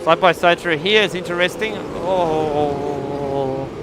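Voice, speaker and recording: A man's voice: fairly high pitch, level tone, slow, very noisy. A man giving live motorsport commentary as a conversational play-by-play that lifts with the action.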